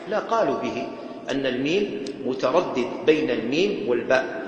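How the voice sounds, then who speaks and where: A man teaching Quran recitation rules in a patient lecture style, repeating his points and chanting short examples. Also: on the high side. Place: mosque prayer hall. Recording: echoey mosque hall with long reverb.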